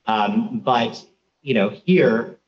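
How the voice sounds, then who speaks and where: Male attorney, measured formal courtroom argument, muffled lo-fi recording. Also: medium pitch. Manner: precise, formal, cites sources slowly. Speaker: agency lawyer arguing in court. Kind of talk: appellate oral argument.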